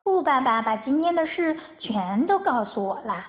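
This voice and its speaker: A woman's voice: sits high, sing-song, moderate pace. A woman voicing a loving storybook mother, soothing and tender, on a tinny phone-like recording.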